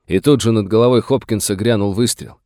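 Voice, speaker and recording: A man narrating an adventure novel in a measured storytelling manner. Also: lowish voice, dark tone, no room sound, studio quality. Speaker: audiobook narrator. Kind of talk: scripted narration.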